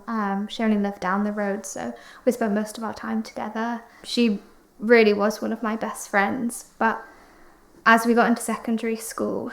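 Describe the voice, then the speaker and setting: Actress doing sad young woman in fake doc interview, flat tone, lots of fry, subdued. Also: a little high. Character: grieving young woman, childhood friend of missing girl. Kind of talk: naturalistic mock-documentary interview.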